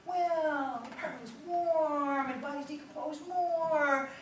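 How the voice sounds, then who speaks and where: A woman's voice: high-pitched, measured pace, a little hiss or hum, pitched above the performer's own voice. A woman mocking a whiny, sing-song male prosecutor. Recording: echoey hall heard from far off.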